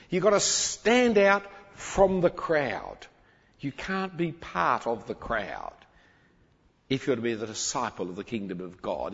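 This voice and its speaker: A man preaching a sermon, animated and emphatic, swinging between loud and quiet, with a husky voice. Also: medium pitch. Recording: muffled, reverberant hall recording.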